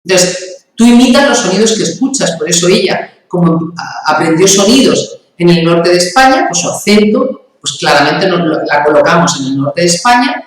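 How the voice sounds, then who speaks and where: A woman's voice: on the low side, animated, normal speed, distant mic, a little hiss or hum. Emphatic Andalusian woman, echoey room. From Andalusia, Spain. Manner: emphatic, didactic, uses examples and rhetorical questions. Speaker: guest, communication and public speaking trainer. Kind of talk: explanatory interview talk.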